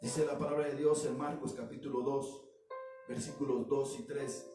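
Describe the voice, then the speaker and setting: A man's voice: medium pitch, fairly even intonation, normal speed. A man, a pastor delivering a sermon with emphatic, repetitive phrasing that speaks directly to his congregation. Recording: echoey room, distant mic, music behind.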